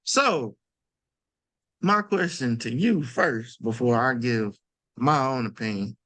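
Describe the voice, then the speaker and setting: Animated man on a sports podcast. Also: mid-range voice, takes it slowly, no room sound. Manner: animated, swearing, loose slangy delivery. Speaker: podcast co-host. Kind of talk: casual sports talk.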